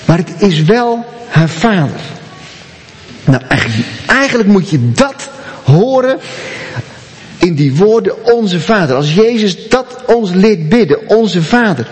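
A man's voice: high voice, sing-song, takes it slowly, pauses often, long reverb tail. A man preaching a sermon, telling a story and talking directly to his listeners.

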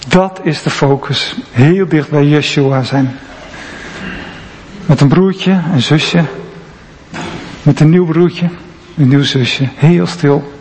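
Male pastor, earnest and reflective sermon, fairly high voice, long church echo. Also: slow, pauses often, a little mellow. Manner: earnest, reflective, drops to near-whisper at times. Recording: long church reverb, faint ambient noise.

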